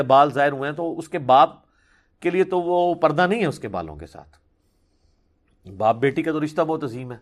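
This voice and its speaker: A man giving a religious question-and-answer talk, reasoning patiently and pressing hard on his key points. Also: a little high.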